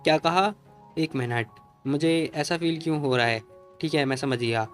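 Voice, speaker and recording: A man's voice: on the high side, normal speed, fairly bright tone, faint music behind, close to an everyday voice. A man voicing an edgy male bodyguard in a comic recap, speaking in an anxious, questioning way.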